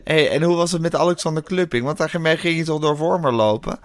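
A man co-hosting a casual podcast chat, prompting his partner with quick, dry, teasing questions. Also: fairly high pitch, dry recording. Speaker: podcast co-host.

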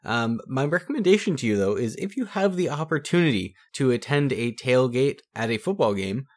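A man with a very lively, swooping voice co-hosts a casual podcast. He reads news clippings with a joking edge and swears casually. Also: medium pitch, brisk. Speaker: podcast co-host. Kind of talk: casual chat reading old news.

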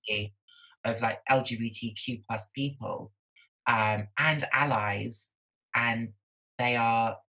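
Bright-voiced woman chatting candidly. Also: extremely low pitch, fairly even intonation, unhurried, poor audio. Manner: candid, chatty, lots of "like" fillers. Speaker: podcast guest. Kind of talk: casual conversation. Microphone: video call.

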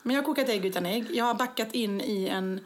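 A woman chatting casually and telling funny everyday stories, acting out her own lines. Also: medium pitch. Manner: lively storyteller, acts out own quotes. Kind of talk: casual chat, telling anecdotes.

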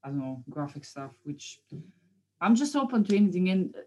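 A woman's voice: fairly low pitch, sing-song, moderate pace, warm tone. A woman in her thirties from Bulgaria, talking casually about her art in an interview, hesitant, with many fillers and restarts. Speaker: guest artist.

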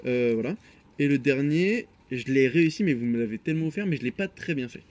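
A young man co-hosting a podcast, chatting fast and animated with friends. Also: mid-range voice. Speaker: podcast co-host. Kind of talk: casual chat.

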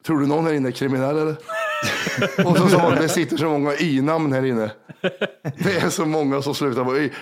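Hoarse Swedish-speaking podcast man. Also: a little high. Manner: rambling storyteller, swears freely. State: hoarse from illness. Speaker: podcast co-host. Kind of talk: casual chat.

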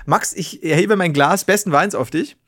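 A man's voice: sits high, normal speed, fairly bright tone. A man co-hosting a podcast, explaining things casually and laughing often. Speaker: podcast co-host. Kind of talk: casual chat.

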